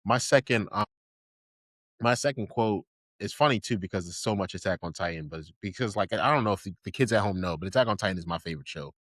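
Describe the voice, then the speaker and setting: Male co-host, casual rambling chat, low voice, dry studio sound. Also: lively intonation, fast, fairly bright tone, dry recording. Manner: rambling, filler-heavy, enthusiastic. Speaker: podcast co-host. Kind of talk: casual chat about anime.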